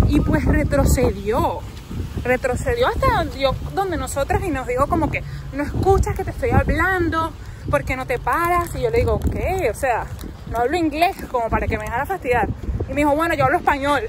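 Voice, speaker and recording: A young woman in her twenties records herself on a phone at arm's length outdoors. She tells a story in a lively, chatty way, with a slightly high voice. Street and traffic noise are clearly heard behind her. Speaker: vlogger. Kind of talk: casual vlog chat. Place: outdoors by a shopping mall. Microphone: phone held at arm's length.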